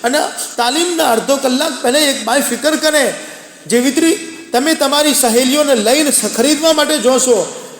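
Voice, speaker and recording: Male preacher, very high-pitched, earnest exhorting sermon, repeated phrases, long hall reverb. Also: normal speed, a bit bright. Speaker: religious preacher addressing women.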